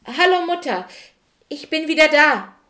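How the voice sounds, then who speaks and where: An actress playing a kind, patient young stepsister who speaks gently. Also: female voice, high-pitched, expressive, unhurried, heavily acted. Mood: gentle.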